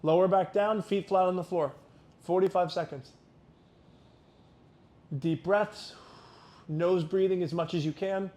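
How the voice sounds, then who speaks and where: High-pitched man, careful unhurried exercise instructor. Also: fairly even intonation, a little mellow. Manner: careful, unhurried step-by-step explaining. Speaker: fitness and mobility instructor.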